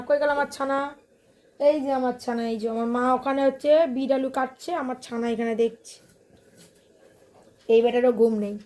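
A young woman with a sore throat, vlogging at home in a tired, weary way. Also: on the high side. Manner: tired, complaining, talks to her child. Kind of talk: casual chat. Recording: noisy home phone recording.

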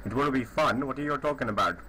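A man's voice: medium pitch, quick pace, pushed and bright, slight background noise, voice pushed down, lightly acted. A man putting on a bragging tough guy with a fake Indian accent. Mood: taunting. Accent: Indian (put on). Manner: aggressive, taunting, bragging. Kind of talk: prank call over voice chat.

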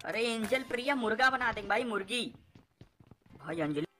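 Male game streamer, foul-mouthed, mock-heroic banter, loud music behind. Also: high-pitched, lively intonation, a little fast. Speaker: gaming streamer. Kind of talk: live gameplay commentary.

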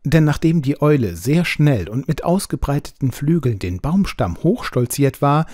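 A man reading a ghost story aloud in a measured, expressive storytelling manner. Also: mid-range voice, no room sound, studio quality. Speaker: audiobook narrator. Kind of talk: scripted story narration.

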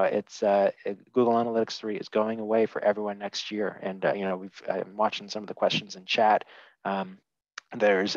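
This lowish-voiced man, recorded dry, sits in a small room wearing a headset. He's a webinar panelist sharing frank, opinionated takes, stumbling through many fillers and restarts over dull, lo-fi video call audio.

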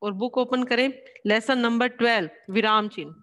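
A woman teacher giving a classroom lesson, explaining slowly and answering her own questions. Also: on the high side, a bit bright, big-room sound. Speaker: school teacher.

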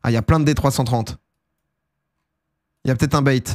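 A young man with a sore throat chatting casually and excitably on a live stream, jumping into loud, high bursts. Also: a little fast.

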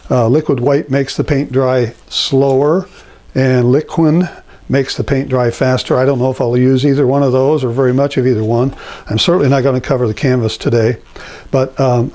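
Recorded on a clip-on mic in his home studio, the older painting teacher talks through his easel work in an easygoing, wandering way, leaning heavily on fillers. His pitch stays medium.

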